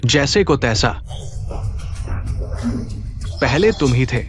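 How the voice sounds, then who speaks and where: A man's voice: medium pitch, expressive, takes it slowly. A man voicing a vengeful, powerful middle-aged father who commands his men coldly, in a dubbed drama. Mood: cold cruel. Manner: cold, menacing, commanding.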